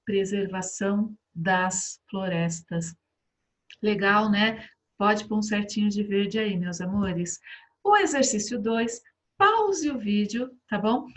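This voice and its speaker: A middle-aged Brazilian woman teaching a recorded class for children, coaxing and warm, full of tag questions. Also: on the high side. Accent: Brazilian Portuguese.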